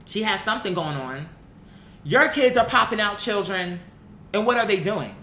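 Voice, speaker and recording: With an animated, pushed, bright mid-range voice at a moderate pace, this woman delivers casual online commentary that's blunt and opinionated. She sounds exasperated and emphatic, swears freely, and leans on rhetorical questions; faint background noise and room echo are audible.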